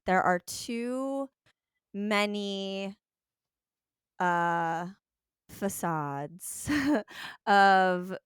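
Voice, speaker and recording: A woman's voice: mid-range voice, very slow, pauses often, clean tone, dry recording, clean studio sound. A woman hosting a casual podcast chat who thinks aloud in a reflective way, with many "like"s.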